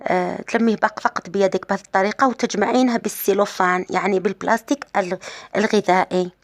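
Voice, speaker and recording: A woman's voice: medium pitch, fairly even intonation, fast talker. Algerian woman, tutorial host, patient step-by-step explainer who restates key points, close dry sound with no room echo. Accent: Algerian Arabic. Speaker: hair care tutorial host. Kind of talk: casual how-to demonstration.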